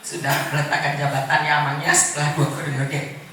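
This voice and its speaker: Woman in her 70s, church testimony, earnest and heartfelt, low-ish voice, distant mic in a booming hall with background noise. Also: monotone, a bit bright. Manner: earnest, heartfelt, with short pauses. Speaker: church member giving testimony. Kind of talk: personal testimony at a church gathering.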